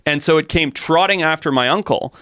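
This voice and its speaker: A man's voice: a little high, brisk, bright, forceful tone, clear, resonant tone, no echo, clean studio sound. A man from Zimbabwe, a podcast guest, telling animal stories with enthusiasm and frequent laughter. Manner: enthusiastic storyteller, laughs often. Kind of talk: casual chat.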